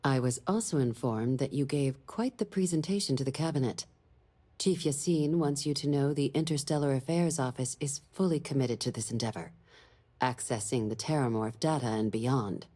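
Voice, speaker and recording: A woman's voice: a bass voice, normal speed, warm tone. An actress voicing a composed female deputy diplomat in a video game, briefing in a formal tone.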